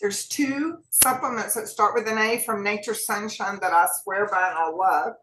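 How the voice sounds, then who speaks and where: A woman's voice: medium pitch, moderate pace, roomy sound, noisy background. A woman, co-hosting and talking straight to her viewers in a chatty, folksy way. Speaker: co-host sharing wellness tips. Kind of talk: casual chat.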